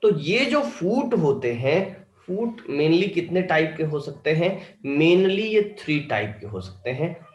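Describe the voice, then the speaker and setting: Male lecturer, slow and lively, keeps checking students follow; roomy sound. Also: fairly high pitch. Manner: keeps asking students if they understood. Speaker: teacher. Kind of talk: online lecture.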